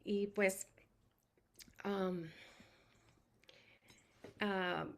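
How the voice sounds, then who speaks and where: Her caregiver testimony comes out with frequent fillers and restarts: a middle-aged woman from Puerto Rico with a Puerto Rican Spanish accent, speaking personally as a family caregiver. The pitch is medium and steady, with creaky, drawn-out words.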